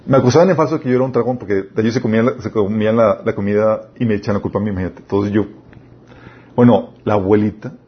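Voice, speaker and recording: A man's voice: lowish voice, very fast. A young man with a Mexican accent, preaching a sermon to a youth group and telling stories from his own life straight to his listeners. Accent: Mexican Spanish. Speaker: youth pastor. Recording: dull muffled recording.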